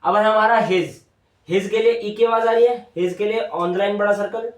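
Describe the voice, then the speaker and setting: A man teaching shorthand at a whiteboard, stretching each word out slowly as he writes it, with said in a way inside his talk. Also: high voice, steady tone. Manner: repeats each word slowly while writing. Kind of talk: whiteboard lesson. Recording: echoey room, mic at a distance.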